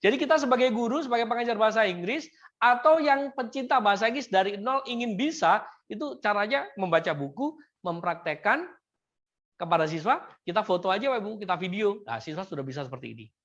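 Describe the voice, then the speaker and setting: A woman presenting a seminar to teachers, often addressing the audience and modeling simple English phrases slowly. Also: mid-range voice, expressive, muffled recording.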